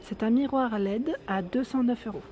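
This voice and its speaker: A woman's voice: fairly high pitch, moderate pace, dark tone, slight background noise. Chatty French woman touring a store. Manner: chatty, enthusiastic, reads out prices and sizes. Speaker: shopping vlogger. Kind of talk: casual store walkthrough. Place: large home improvement store, indoors.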